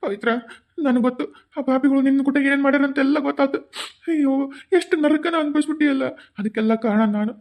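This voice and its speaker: A woman's voice: high-pitched, darkish tone, close to an everyday voice. A woman voicing a remorseful, pleading grandmother in a cartoon, with a North Karnataka accent and emotional delivery. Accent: North Karnataka Kannada. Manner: fast, emotional. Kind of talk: cartoon voice acting.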